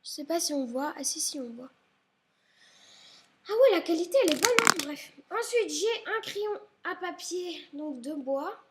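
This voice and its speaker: In an animated, high voice at a measured pace, a young woman chats about her school supplies for a home vlog, indoors, with a little background noise. She rambles and keeps apologizing, sounding a bit ill and possibly stuffy.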